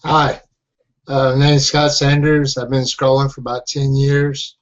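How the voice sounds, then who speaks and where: A man's voice: mid-range voice, level tone, unhurried. A man from Oklahoma briefly introducing himself as a guest on a video call, matter-of-fact. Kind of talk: casual self-introduction. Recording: distant, muffled video call audio.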